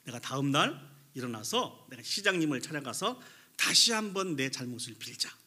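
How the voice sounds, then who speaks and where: A Korean pastor voicing an anxious male office clerk who begs forgiveness, in a husky, forceful voice. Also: medium pitch, sing-song, normal speed, exaggerated voice. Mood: worried. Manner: worried, begging inner speech.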